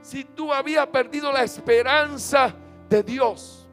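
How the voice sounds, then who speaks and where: A man preaching a sermon as pastor, leading call-and-response and swinging from loud chanted lines to soft low ones. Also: unhurried. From Dominican Republic. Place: church sanctuary. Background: faint instrument music.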